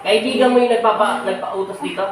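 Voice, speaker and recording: Folk healer woman, commanding and insistent, quick talker, distant mic with faint noise. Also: medium pitch, steady tone. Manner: commanding, repeats questions insistently. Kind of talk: healing prayer session. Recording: echoey room, far from mic, faint noise.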